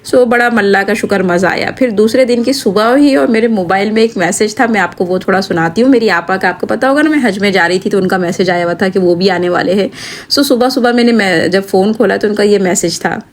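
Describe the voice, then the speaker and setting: A woman's voice: mid-range voice, fairly quick, slight background noise. A middle-aged woman narrating her family vlog in a chatty, devout storytelling manner. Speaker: vlogger.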